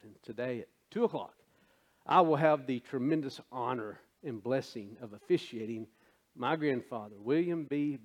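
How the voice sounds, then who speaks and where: A man preaching a sermon, emotional and tearful, rising to emphatic preaching. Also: medium pitch. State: tearful, sniffling. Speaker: pastor.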